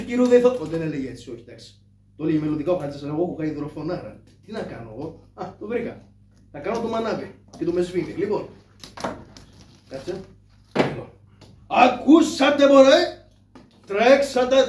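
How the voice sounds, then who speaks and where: A cheeky, boastful trickster of shadow puppet theatre, as a man puts him on, high and joking, hollering like a street crier. The voice sits well above a normal man's and rings through a roomy hall. It sounds caught from across the stage with faint ambience under it. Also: a little mellow, slight background noise, natural voice. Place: live stage. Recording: echoey distant stage mic, faint ambience.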